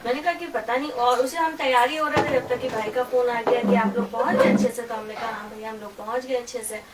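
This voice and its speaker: High-voiced woman telling a story. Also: fairly even intonation, quick pace, a loud crowd. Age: middle-aged. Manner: storytelling, quoting others. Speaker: church member giving testimony. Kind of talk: testimony to a congregation. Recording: echoey room from far off, noisy.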